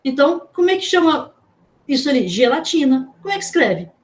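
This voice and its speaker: A woman with a Brazilian Portuguese accent teaching a class. She explains step by step, asks questions and spells out letters slowly. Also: high voice, sing-song. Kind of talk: online class lecture.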